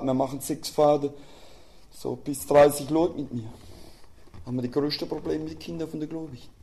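A middle-aged man preaching a sermon, telling personal stories and swinging between quiet asides and loud, emphatic outbursts. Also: fairly high pitch.

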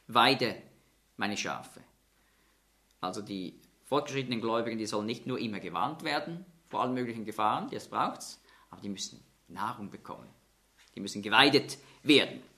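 A man gives a Bible-teaching sermon in a bright, clear-toned voice. He explains patiently and slows down to lean on each quoted line. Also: lowish voice. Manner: explanatory, measured, with slow emphatic quotes. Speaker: preacher.

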